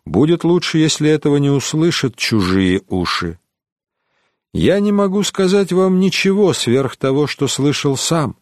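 A man's voice: a little high, lively intonation, measured pace, dry recording, studio quality, voice pushed up. A man voicing a wry, evasive wandering goliard scholar for an audiobook. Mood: secretive.

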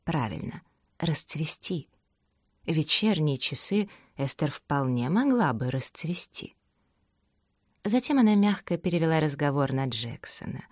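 A woman narrating an audiobook in a steady, measured storytelling manner. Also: sits low, no echo, studio quality. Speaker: audiobook reader. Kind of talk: scripted narration.

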